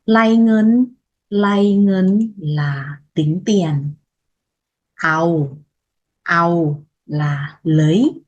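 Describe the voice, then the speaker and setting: A woman teaching vocabulary, saying each word slowly and repeating it before explaining it. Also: fairly low pitch, a little mellow. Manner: repeats words slowly, then explains briskly. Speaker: language teacher. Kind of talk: vocabulary lesson, slow repetition. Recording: dull lo-fi sound.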